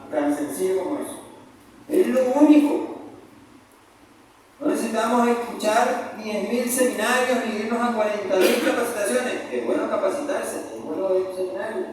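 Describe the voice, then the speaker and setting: A man's voice: high voice, slight background noise. A man preaching a sermon, emphatic and calling the congregation brothers, recorded in a church hall from a distant mic.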